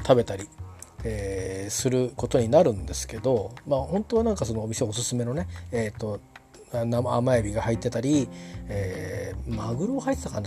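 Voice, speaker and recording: Guy rambling through a story, lots of fillers, mellow voice, lively pitch, bit of music behind. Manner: rambling, full of fillers and restarts. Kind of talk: casual anecdote monologue.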